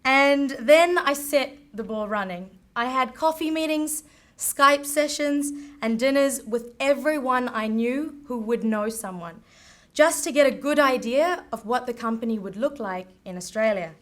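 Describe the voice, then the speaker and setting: A young woman with a South African accent giving a lively live presentation on stage at an event. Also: high voice, measured pace. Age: young adult. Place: event stage before an audience.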